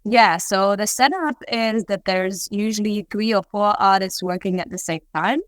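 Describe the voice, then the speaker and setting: A woman's voice: mid-range voice, normal speed. A woman artist on a video call, answering interview questions reflectively in thoughtful, hesitant phrasing. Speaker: artist in residency, interview guest. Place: remote art residency studio, on a video call.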